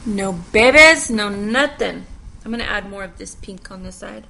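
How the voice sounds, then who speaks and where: A woman's voice: medium pitch, fairly even intonation, normal speed, gravelly, a bit bright, a little hiss or hum, rough recording. A young woman chatting casually at home through a makeup tutorial, rambling with self-deprecating asides. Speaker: makeup vlogger.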